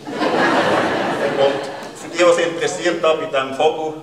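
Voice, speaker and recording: A man's voice: fairly high pitch, little pitch movement, unhurried, a crowd in the background. A man, a musician, casually explaining his homemade instrument between songs. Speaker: street-style musician. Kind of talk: stage talk between songs. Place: large carnival show hall. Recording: echoey hall, distant mic, loud music. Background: loud music and percussion.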